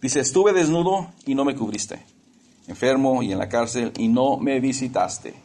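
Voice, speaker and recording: Male preacher, mid-pitched voice, chatty sermon style, repeats phrases, light humor. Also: lively intonation, normal speed, darkish tone. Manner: conversational, repetitive, lightly humorous.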